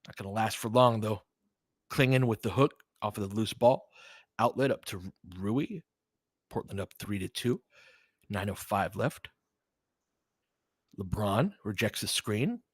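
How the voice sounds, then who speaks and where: Recorded dry at studio quality, a man with a fairly low voice gives casual live basketball play-by-play. He works as a commentator and streamer, keeping his phrases short and clipped and adding offhand, fan-like asides.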